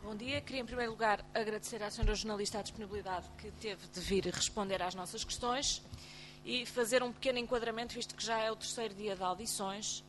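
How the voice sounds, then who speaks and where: A woman's voice: medium pitch, fairly even intonation, fast talker, fairly bright tone, a little hiss or hum. A woman member of parliament with a European Portuguese accent asks formal questions at a hearing in a composed, orderly, precise way.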